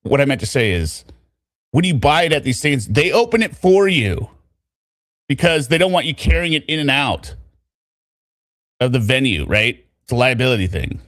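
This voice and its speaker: A man's voice: medium pitch, sing-song, normal speed, long pauses, a bit bright, no echo, clean studio sound. A man giving casual, blunt trial commentary with sarcastic jokes.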